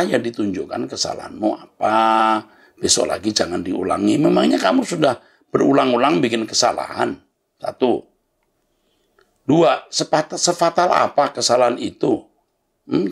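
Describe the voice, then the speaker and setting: A man's voice: on the low side, gravelly, husky. A man, a pastor, answering listeners' letters in a blunt, scolding yet fatherly way.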